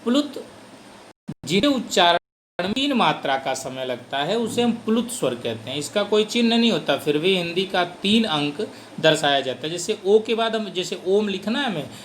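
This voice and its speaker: A man's voice: sits high, moderate pace, a little hiss or hum. A male teacher giving a grammar lesson, asking questions and answering them himself. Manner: lively, animated delivery.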